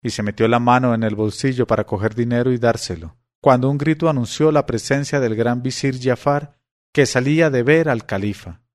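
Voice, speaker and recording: A man narrating an audiobook of classic tales at a middle pitch. His delivery is even and clear, the steady pace of a storyteller reading a long book aloud. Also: fairly quick.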